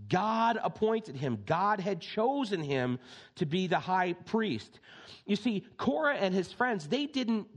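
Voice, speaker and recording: Middle-aged guy preaching, kinda high voice, gets really fired up and acts out the quotes. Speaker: pastor. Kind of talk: sermon with personal anecdotes.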